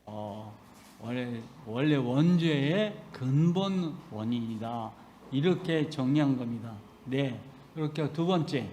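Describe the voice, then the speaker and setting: A man preaching a sermon as pastor, in a slow, conversational way, acting out dialogue. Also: fairly high pitch, darkish tone, slight background noise. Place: church sanctuary. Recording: long hall reverb.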